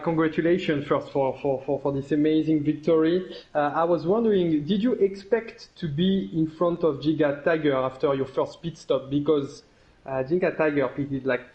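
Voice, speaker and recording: Male guest driver, halting non-native phrasing, dull lo-fi call sound. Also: fairly high pitch. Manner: hesitant, laughs, slips in English grammar. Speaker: guest driver, championship contender. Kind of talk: casual chat. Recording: dull lo-fi voice chat audio.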